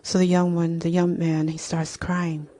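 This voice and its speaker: A woman narrating a story slowly and deliberately, with repetitions. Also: fairly low pitch, little pitch movement, dark tone, no room sound. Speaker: speaker.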